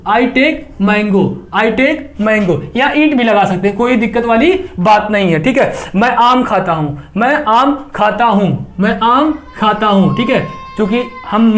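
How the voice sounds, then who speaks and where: A young man teaching English translation in an online class, asking the students questions, answering them himself and repeating example sentences slowly. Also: very high-pitched.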